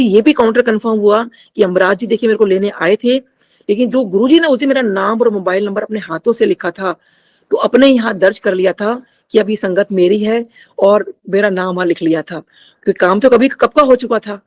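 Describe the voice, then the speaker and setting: A woman's voice: mid-range voice, a little fast, darkish tone, lo-fi sound. A middle-aged woman sharing a spiritual testimony with a congregation. She addresses them often and mixes English phrases into her Hindi.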